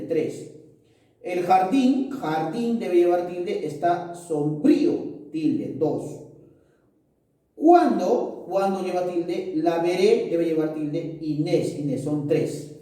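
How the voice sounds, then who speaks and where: A male teacher going through school exercises aloud, moving briskly through the answers and often checking in with the listener with quick tag questions. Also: fairly high pitch, warm tone, recorded from a distance. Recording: echoey room, voice off-mic.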